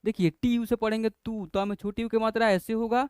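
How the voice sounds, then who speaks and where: A man's voice: high voice, flat delivery, brisk, darkish tone, clean tone, dry recording, clean studio sound. A man teaching a spelling lesson to children, patiently repeating each point. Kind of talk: explaining a language lesson.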